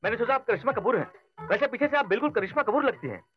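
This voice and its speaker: An actor playing a smarmy man who flatters a woman he has just met. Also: very high voice, racing, dull audio, soft background music. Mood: flirty. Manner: flattering, lively. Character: smarmy male flirt chatting up a woman.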